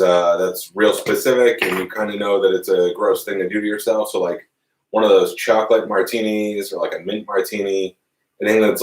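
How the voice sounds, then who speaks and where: A man's voice: fairly low pitch, far from the mic. A man guesting on a casual cooking stream, talking in a dry, joking way. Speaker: guest, former bartender. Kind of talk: casual live-stream chat. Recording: roomy echo, a bit away from the mic.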